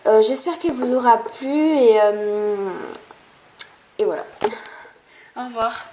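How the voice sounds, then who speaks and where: A woman's voice: a little high, slow, dark tone, slight background noise, low-quality recording. A young woman chatting through a beauty haul in a casual vlog, rambling with lots of fillers and restarts. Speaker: beauty vlogger.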